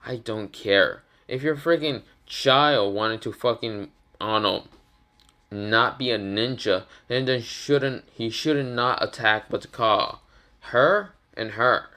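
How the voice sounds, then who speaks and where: A man's voice: mid-range voice, slow, pushed and bright. A man voicing a blunt, sleepy young male ninja who grumbles and swears in his own everyday voice. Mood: irritated.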